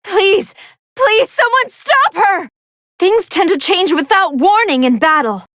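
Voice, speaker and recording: Android 21, a high-pitched scientist commentator. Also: female voice, lively intonation, slow pace, fairly bright tone, dry recording, clean studio sound, full character voice. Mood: alarmed, pleading. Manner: articulate, analytical, formal. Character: brainy female android scientist commentating on battles. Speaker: fight commentator. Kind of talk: scripted video game match commentary.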